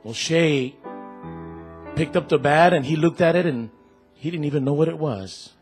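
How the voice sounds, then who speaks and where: Male church storyteller, slightly high voice, unhurried and deliberate, soft instrumental music behind. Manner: slow, deliberate storytelling, building in excitement.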